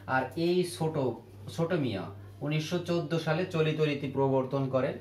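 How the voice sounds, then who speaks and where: A man's voice: a little high, moderate pace, echoey room, noisy background. A man teaching a grammar lesson to students, asking questions and then answering them himself.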